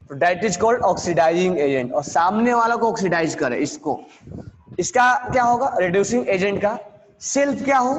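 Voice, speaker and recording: A man teaching chemistry in a classroom lecture, with terms, repeating key words slowly and quizzing his students. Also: sits high, big-room sound, a little hiss or hum.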